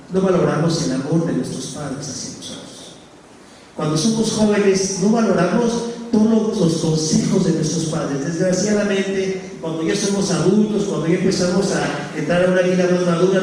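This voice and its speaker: A man's voice: high voice, mellow, slight background noise. A male pastor giving an emphatic sermon to young people, acting out voices as he preaches. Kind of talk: sermon to youth. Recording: echoey hall from far off.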